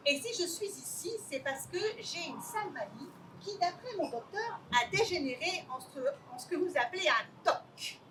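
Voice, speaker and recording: A prim, pious compulsive checker, played by a woman on stage, who sighs her way through a list of locks and gas taps. Her voice sits very high and swings widely. She is heard from a distance, like a stage play picked up across a hall. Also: animated, moderate pace, noisy background. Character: devout anxious woman who checks everything.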